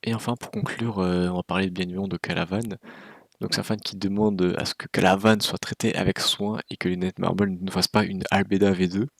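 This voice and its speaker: Low gravelly man, wry game commentary. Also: little pitch movement, brisk, no room sound. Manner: opinionated, wry and candid. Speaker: gaming video creator. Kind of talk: casual game news commentary.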